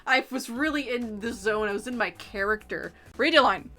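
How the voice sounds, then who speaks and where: A woman's voice: a little high, normal speed, bright, forceful tone. A woman hosting a casual fan-game read-through with a friend, theatrical and prone to bursts of laughter. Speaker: host.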